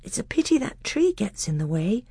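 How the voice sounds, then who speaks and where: A man voicing an excited young boy prince who talks in high, hushed, eager whispers in a storybook reading. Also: normal speed, husky, no echo, studio quality, exaggerated voice. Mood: awed, eager.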